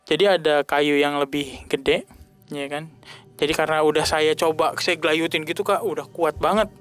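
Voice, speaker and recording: A man's voice: fairly even intonation, fairly bright tone, faint music behind. Man telling an earnest personal testimony. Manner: earnest, halting, pitch rising when emotional. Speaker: podcast guest.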